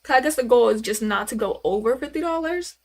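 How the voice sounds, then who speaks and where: Brief: young woman in her twenties, casual streamer, higher voice, rambling and full of fillers. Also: lively intonation, fast, darkish tone. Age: 20s. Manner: chatty, rambling, answers chat questions with many fillers. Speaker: livestreamer. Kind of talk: casual live-stream chat.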